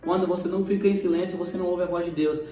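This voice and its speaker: A young man with a Brazilian Portuguese accent giving a casual, animated sermon to camera, acting out Bible scenes. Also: sits high, very fast, distant mic. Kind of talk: casual preaching video. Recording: echoey room, voice off-mic, faint music.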